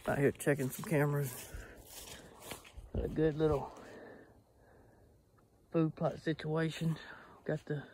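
Outdoor vlogger, male, a bit high for a man, flat and folksy, faint noise behind. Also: unhurried, long pauses. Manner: rambling, folksy, with many fillers and restarts. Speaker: hunting vlogger. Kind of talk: casual self-filmed vlog talk. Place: outdoors on rural land. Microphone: self-filmed camera.

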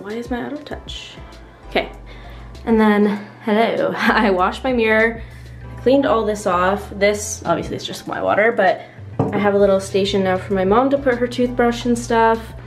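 A woman's voice: medium pitch, steady tone, normal speed, faint music behind. A woman vlogging casually at home, chatty and full of "like" fillers. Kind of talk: casual vlog narration. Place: at home indoors.

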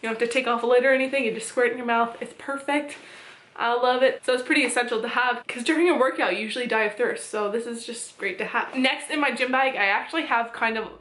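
A woman's voice: a little high, fast, fairly bright tone, roomy sound, poor audio. A woman in her twenties chatting casually to camera as she shows what is in her gym bag, upbeat and talkative. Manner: chatty, upbeat, showing items one by one. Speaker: fitness vlogger. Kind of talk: casual chat. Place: small bedroom indoors.

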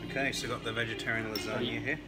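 A man's voice: on the low side, little pitch movement, rapid-fire. A man in his thirties hosting a casual food review at a restaurant table, chatty and enthusiastic. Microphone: camera on table. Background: loud background music.

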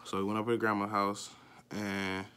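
A young man with a fairly low voice tells a personal story straight to the camera. His delivery is casual and profane, full of fillers. He gets higher and louder as the story heats up. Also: flat delivery, moderate pace, smooth. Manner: loose and profane, with many fillers; voice climbs higher and louder when worked up. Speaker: vlogger.

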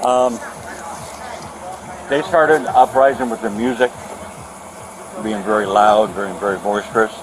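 A man telling police about a noise dispute, talking haltingly with many restarts, recorded outdoors on a bodycam. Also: on the low side, steady tone. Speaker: neighbor complaining about noise. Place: outdoors at night by a trailer lot. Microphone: officer's bodycam. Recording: noisy outdoor bodycam audio.

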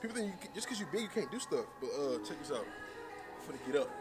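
A young adult man vlogs a workout with friends in a large indoor gym, joking and trash-talking between sets in casual banter. His fairly high voice swings widely in pitch and moves fast, caught by a nearby handheld camera with gym music playing behind him.

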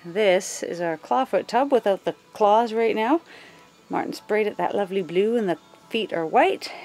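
A woman filming a casual walkthrough of her house under renovation, pointing things out room by room in a relaxed way. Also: medium pitch, low-quality recording. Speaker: homeowner giving a house tour. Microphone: handheld camera, filming while walking.

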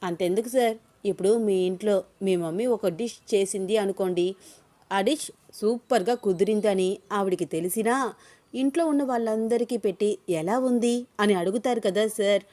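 A woman reading a story, voicing a lively, quick-tongued young woman who protests and insists. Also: mid-range voice, close to an everyday voice. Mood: insistent.

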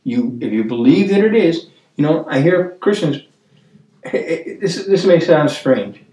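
A man in his seventies hosting a casual Bible discussion, earnest and storytelling, with halting restarts. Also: on the high side, animated, warm tone. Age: 70s. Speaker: Bible study host. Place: dining room table, indoors. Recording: roomy, distant mic.

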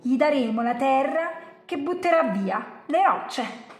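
A woman's voice: sits high, expressive, takes it slowly, roomy sound. A woman voicing a rude, lazy storybook monster who snaps insults and orders. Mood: scheming. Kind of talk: storybook read-aloud.

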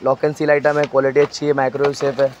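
Flat-voiced salesman man touring a cluttered storeroom. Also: medium pitch, slight background noise. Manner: brisk salesman listing items and prices, directing a helper. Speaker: wholesale shop owner showing stock. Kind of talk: walk-through product showcase. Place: crowded indoor wholesale storeroom.

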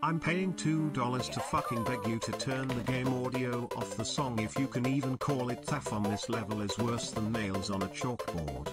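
A synthetic male text-to-speech voice reading out viewer donation messages with a flat robotic delivery and odd pauses. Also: medium pitch. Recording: game music over the voice. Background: very loud video game music.

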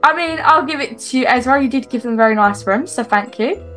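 A woman's voice: high voice, fairly quick, a bit bright, faint music behind. A woman voicing a firm mother in a game role-play, laying down the rules for her kids. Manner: firm, instructing.

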